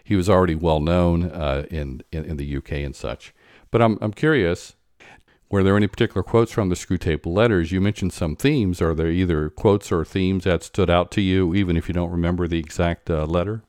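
Low-voiced guy hosting a podcast chat, lots of uh and restarts, dry close sound. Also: a little mellow, no room sound. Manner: halting, many restarts and fillers. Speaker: podcast host. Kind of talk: conversational interview.

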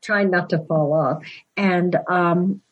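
On a muffled recording, a woman from Denver, Colorado in her sixties talks with a lowish, steady tone. As a podcast guest who writes books and works as a Christmas elf, she relates her experiences earnestly, with quick laughs along the way in the conversational interview.

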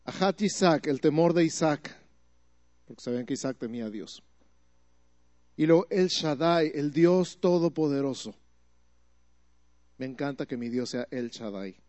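A man's voice: on the high side, expressive, a little slow, long pauses, darkish tone, no room sound. A man preaching a sermon in a teaching manner, asking the listeners questions and building up emphatic repeated phrases. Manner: rises to emphatic repetition.

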